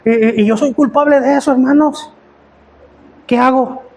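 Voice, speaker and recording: A man's voice: very high-pitched, fairly even intonation, moderate pace, a little mellow. A man, preaching a sermon as pastor, asking his listeners rhetorical questions and often stumbling over repeated words.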